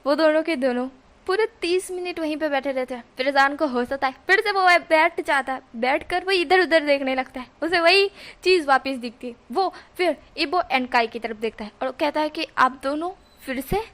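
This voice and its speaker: A woman telling a story in a casual, chatty way. Her voice is high and bright, and she fixes her slips on the fly. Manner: chatty, quick self-corrections.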